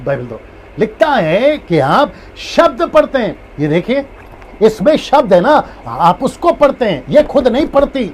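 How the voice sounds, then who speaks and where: Male pastor, high-pitched voice, repeats each point, faint ambient noise. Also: big pitch swings, unhurried. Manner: repeats key points, acts out tones of a phrase. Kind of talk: live-streamed Bible teaching.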